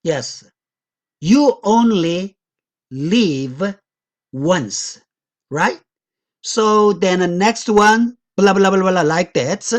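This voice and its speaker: Woman guest lecturer with an unhurried delivery. Non-native English, explanatory teaching tone. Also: lowish voice, lively intonation. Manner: slow, deliberate, non-native English with loose grammar; asks the audience frequent check questions. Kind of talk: academic lecture walking through slides.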